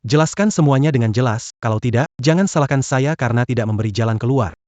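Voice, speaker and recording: A man's voice: mid-range voice, fast, darkish tone, dry recording, close to an everyday voice. A man playing a wealthy groom in a dubbed melodrama, stern and coldly angry in a controlled way. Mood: cold fury. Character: wealthy groom coldly rejecting his vengeful ex.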